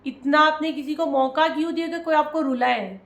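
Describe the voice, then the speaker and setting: A woman's voice: high-pitched, normal speed, fairly bright tone, roomy sound. A woman giving a spiritual tarot reading, speaking emotionally and consolingly straight to her viewers. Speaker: tarot reader.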